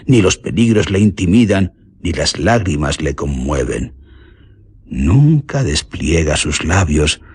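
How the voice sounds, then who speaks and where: For a radio horror drama, an actor with a Castilian Spanish accent plays a bandit recounting his gang's dark deeds, grave and ominous. He tells the story theatrically in a lowish, breathy voice, recorded with no echo.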